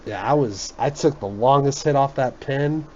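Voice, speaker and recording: A man's voice: mid-range voice, normal speed, a little mellow. A man hosting a casual podcast chat, rambling and joking and laughing often. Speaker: podcast host. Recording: muffled lo-fi recording with faint noise.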